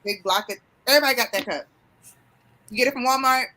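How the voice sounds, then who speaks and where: A woman's voice: a little high, quick pace, pushed and bright, poor audio. A woman hosting a live stream, effusive and emotional, chatting casually with viewers. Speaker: host.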